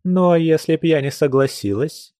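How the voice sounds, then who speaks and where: A man's voice: moderate pace, mellow, dry recording, studio quality, natural voice. A man reading an audiobook, voicing a stern, fussing old grandmother who scolds. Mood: scolding. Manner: scolding, raised higher voice.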